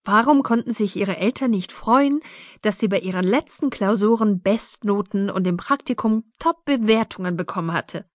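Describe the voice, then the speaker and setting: A woman reading an audiobook in calm, measured scripted narration. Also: mid-range voice, no echo, clean studio sound.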